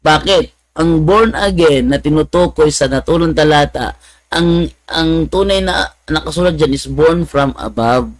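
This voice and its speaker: A man's voice: fairly high pitch, measured pace, dry recording, rough recording. A man telling funny stories in a casual talk, laughing often and raising his voice when he mimics other people. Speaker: speaker telling church stories.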